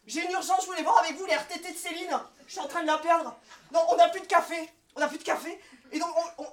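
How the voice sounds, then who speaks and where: High-pitched woman comic, rambling stop-start delivery, heard from a distance in a roomy space. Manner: rambling, stammering and restarting, breaking into laughs. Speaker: comic performer. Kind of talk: improvised comedy monologue and one-sided phone sketch. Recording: roomy and off-mic.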